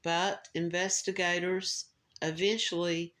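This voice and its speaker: A woman's voice: fairly low pitch, level tone, slow, fairly bright tone. A woman hosting a true crime podcast, telling the story in a casual, conversational way with restarts and filler words.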